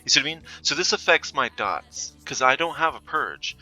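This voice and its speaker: A man casually walking through a game character build, chatty and loose, full of fillers and quick self-corrections. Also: on the high side, animated, pushed and bright, faint music behind, low-quality recording. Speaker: gaming content creator.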